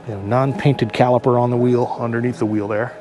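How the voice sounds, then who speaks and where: A man giving a casual, unscripted car dealership walk-through as a vlogger, halting and thinking aloud as he looks around. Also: mid-range voice, little pitch movement, a crowd in the background. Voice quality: talking through a face mask indoors. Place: car dealership, showroom then outdoor lot. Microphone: microphone with a furry windscreen. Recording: handheld vlog with background ambient noise.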